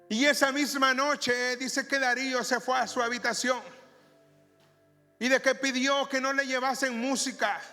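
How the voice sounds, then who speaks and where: A male pastor preaching a sermon in a church, slow and emphatic, drawing out his phrases. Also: very high-pitched, pushed and bright. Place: church sanctuary. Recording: reverberant church hall with music behind.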